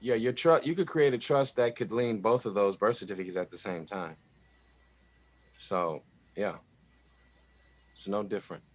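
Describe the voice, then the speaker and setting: A man's voice: lowish voice, normal speed, pauses often. A man speaking emphatically on a group call, repeating phrases as he lectures.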